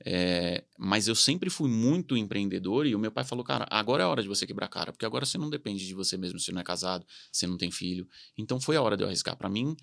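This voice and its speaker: A man's voice: lowish voice, expressive, very fast, creaky, few pauses, a bit bright, no room sound, clean studio sound. A Brazilian businessman in his thirties, speaking with a Brazilian Portuguese accent, telling candid stories full of quoted dialogue in a casual interview. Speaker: company CEO, podcast guest.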